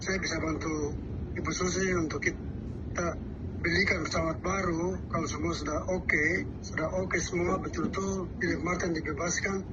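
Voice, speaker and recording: A pastor heard over a landline phone. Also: male voice, fairly high pitch, fairly even intonation, normal speed. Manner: soothing, repeatedly agreeing. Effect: heard over a landline phone call. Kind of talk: phone conversation. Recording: muffled phone line with loud hiss.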